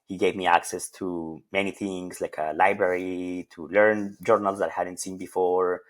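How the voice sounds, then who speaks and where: A middle-aged associate professor of plant evolution from Colombia answers interview questions thoughtfully. His voice is low-pitched with a level tone and moderate pace, and he hesitates frequently and repeats words.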